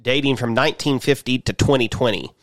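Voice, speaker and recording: A man's voice: medium pitch, a little fast, dry recording, clean studio sound. Wry man chatting unscripted on a podcast. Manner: wry, self-deprecating. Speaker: podcast co-host. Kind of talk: natural unscripted talk, casual chat.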